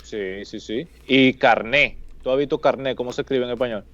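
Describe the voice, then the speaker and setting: A man's voice: medium pitch, a little fast, no echo, dull audio. A man on a casual podcast, playfully teasing the others and steering the conversation. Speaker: podcast participant.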